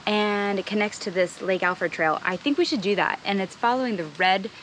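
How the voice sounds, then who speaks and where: A woman co-hosting a casual hiking vlog outdoors, chatty and excitable. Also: medium pitch, a little fast, low-quality recording. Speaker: travel vlogger. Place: outdoor wooded trail. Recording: outdoor noise in background.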